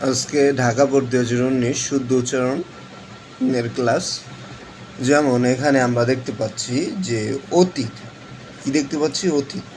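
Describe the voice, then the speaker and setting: A man teaching pronunciation in an online lesson, slowly repeating his explanations with frequent fillers. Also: medium pitch, fairly even intonation, a little mellow, rough recording. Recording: faint background noise.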